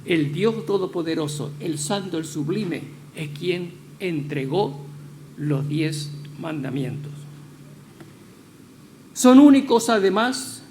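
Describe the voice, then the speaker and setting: A man preaching a sermon in a church, stressing key words slowly and building to loud, firm declarations. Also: on the high side, animated, noisy background.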